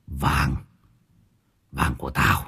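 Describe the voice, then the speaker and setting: A man's voice: rumbling low, monotone, drawn-out words, vocal fry, sharp tone, husky, voice pushed down, exaggerated voice. A man voicing a possessed, gold-obsessed old man who hisses his words. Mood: hissing, greedy. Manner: hissing, menacing.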